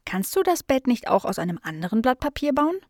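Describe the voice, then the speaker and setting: A woman playing a bright, eager young female dog for a storybook, voice lifted high, dry close sound. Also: big pitch swings, a little fast, no room sound.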